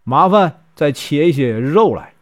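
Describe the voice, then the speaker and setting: Blunt fearless hero in a storybook; male storyteller, slightly high voice. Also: animated, unhurried. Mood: curt. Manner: blunt, curt. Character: bold fearless hero, strong young man.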